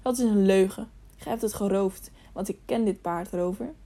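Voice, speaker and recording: A woman's voice: medium pitch, normal speed, mellow, lightly acted. A woman reading the lines of a stern, commanding grey knight, questioning sharply and harshly.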